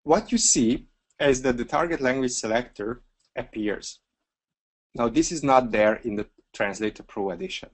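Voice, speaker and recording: In this webinar screencast, a relaxed Hungarian man who trains people on software explains a feature click by click, using a few fillers. He speaks at a moderate pace in a mid-range, slightly rough voice.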